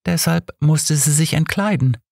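For an audiobook story, a man gives an exaggerated portrayal of a young workhouse girl who is guarded, matter-of-fact and faintly defiant, pitching well above his own voice. The delivery is fairly high, a little slow, creaky and darkish with a breathy edge, recorded at studio quality without echo. She sounds resigned and matter-of-fact while keeping her phrasing deferential.

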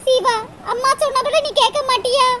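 A woman's voice: very high-pitched, fairly even intonation, brisk. A woman voicing an anxious middle-aged mother in a cartoon, pleading and scolding her son. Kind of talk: cartoon voice acting. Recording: loud background noise.

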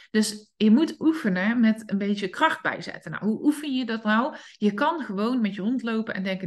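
A woman hosting a solo podcast as a dog trainer, talking lively and acting out how owners call their dogs. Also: medium pitch. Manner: lively, acts out calling her dog in quoted voices.

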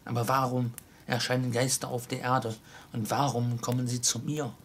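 A man's voice: medium pitch, little pitch movement, moderate pace, slight background noise, lightly acted. A man reading the part of a cold old miser who now pleads, trembling. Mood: frightened, pleading.

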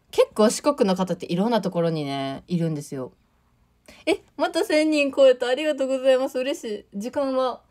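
An idol audition livestreamer in her late teens from Tokushima, Japan, reads out viewer comments in a casual chat, bubbly and often laughing. She speaks Kansai Japanese touched with Awa dialect, in a mid-range, darkish voice with a Kansai lilt.

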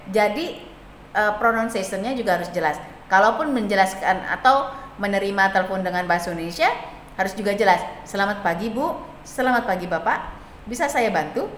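In a classroom lecture captured in an echoey room with faint noise, a hospitality instructor with a fairly high, fairly bright voice walks through the material step by step. She hesitates often with fillers and performs example phone greetings.

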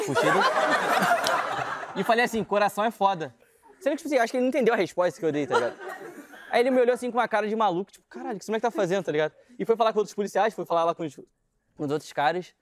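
Young rio guy telling a story super fast, slangy, laughing as he goes. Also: high-pitched, heavy background noise. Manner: animated slangy storytelling, laughing while talking. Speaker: guest storyteller. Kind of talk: casual anecdote on a talk show.

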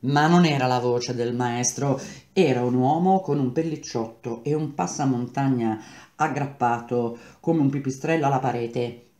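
A man reading a novel aloud in measured, even narration. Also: mid-range voice. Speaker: reader. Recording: roomy echo.

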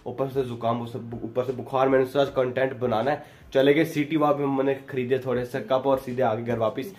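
A young man with a sore throat vlogs his day casually to a phone held at arm's length, starting on a busy market street and ending at home. His medium-pitched voice is flat, brisk and a little mellow, and he's playful and teasing, repeatedly saying "guys" and "okay."

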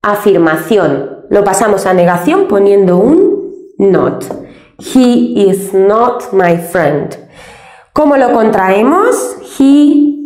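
Brief Spanish-accented woman English teacher, slow and lively, roomy echo. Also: mid-range voice. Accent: Spain Spanish. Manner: slow, patient, spells out English examples. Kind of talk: step-by-step grammar lesson.

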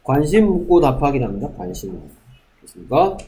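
Brisk male English teacher in a roomy classroom. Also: fairly high pitch, very animated, dark tone, slight background noise. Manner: brisk, keeps checking with the class, reads English examples slowly. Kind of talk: classroom grammar lecture.

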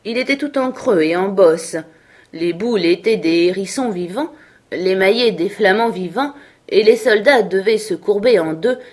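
Woman, storybook narrator, calm even reading, husky tone. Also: mid-range voice.

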